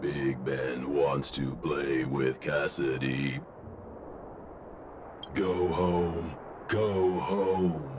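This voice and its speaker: An actor voicing a simple beeping robot that speaks in slow, childlike short phrases with spoken beeps and refers to itself in the third person. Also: male voice, rumbling low, fairly even intonation, very noisy, full character voice. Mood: plaintive.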